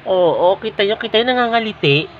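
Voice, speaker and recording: A man's voice: high voice, animated, fast talker, a bit bright. Chatty Filipino man vlogging at home. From Philippines. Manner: chatty, keeps addressing viewers as guys. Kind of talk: casual home vlog. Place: at home indoors. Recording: dull lo-fi audio with clear background noise.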